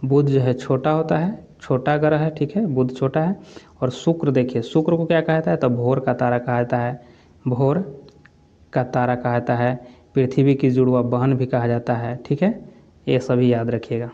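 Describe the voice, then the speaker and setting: A man's voice: mid-range voice, steady tone, moderate pace, warm tone, muffled recording. A man going through exam quiz questions as a coaching teacher, repeating each answer and adding "theek hai" as a filler. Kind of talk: quiz lesson walkthrough.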